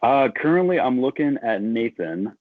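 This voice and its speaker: A man's voice: mid-range voice, very animated, normal speed, no room sound. Laid-back American man on a tinny call. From United States. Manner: easygoing, says dude a lot. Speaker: guest musician. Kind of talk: casual video call chat. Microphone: laptop video call. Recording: tinny phone-like call audio.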